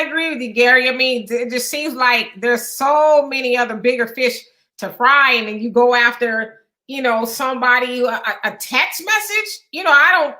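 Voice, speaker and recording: A woman co-hosting a loose political talk show, with a bright and somewhat high voice. She meanders through her points, full of fillers and restarts. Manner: chatty, meandering, many fillers. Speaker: co-host.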